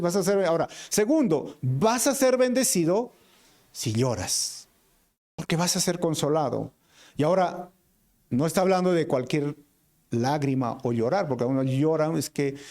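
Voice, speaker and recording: A pastor preaching a sermon with a Peruvian Spanish accent, earnest, swinging between emphatic lines and hushed ones and calling the listeners brothers. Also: male voice, fairly high pitch. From Peru.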